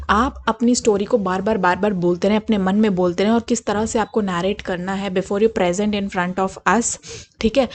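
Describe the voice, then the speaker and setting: Woman, young adult, exam tutor, slightly high voice, bilingual Hindi-English lesson, steady and deliberate. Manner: mixes Hindi and English, asks "ठीक है?" to check in. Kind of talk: spoken lesson giving tips.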